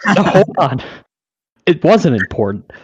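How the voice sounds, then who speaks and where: A man's voice: on the high side, measured pace, husky, muffled recording. Young man telling profane stories. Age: young adult. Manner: animated, profane storyteller. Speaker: podcast co-host. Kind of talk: casual podcast storytelling.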